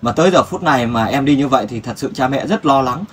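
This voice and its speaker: A man's voice: medium pitch, lively intonation, fast, a crowd in the background. A man interviewing an elderly father and appealing to viewers for help, speaking in a compassionate, soothing way. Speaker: interviewer for a volunteer search team.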